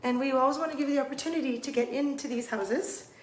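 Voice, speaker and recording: A woman's voice: high voice, fast, slight background noise. Bubbly woman giving a phone-filmed home tour. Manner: bubbly, enthusiastic, addresses viewers directly. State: losing her voice. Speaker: real estate agent. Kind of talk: live walkthrough home tour. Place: indoors and outdoors at a house. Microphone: phone held while walking.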